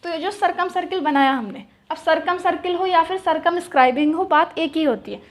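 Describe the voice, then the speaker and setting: A woman's voice: extremely high pitch, a little fast. A young woman teaching geometry, asking questions and answering them herself, repeating key terms in words. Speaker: math teacher. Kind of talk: explaining at a whiteboard.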